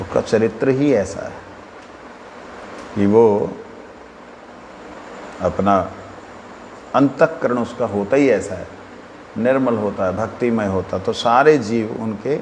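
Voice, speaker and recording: Male religious speaker with a lowish voice, chatty anecdotal delivery, recorded in a reverberant hall. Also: a little mellow. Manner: conversational, recounting anecdotes with quoted dialogue. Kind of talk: storytelling spiritual discourse. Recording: echoey hall with faint background noise.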